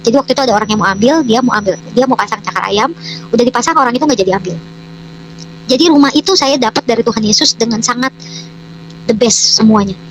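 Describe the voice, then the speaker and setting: Fast-talking woman over a humming line. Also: fairly high pitch. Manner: hesitant, many fillers, re-enacts her own prayers. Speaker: guest giving a conversion testimony. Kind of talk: personal testimony storytelling. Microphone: microphone she can move away from. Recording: noisy line with mains hum.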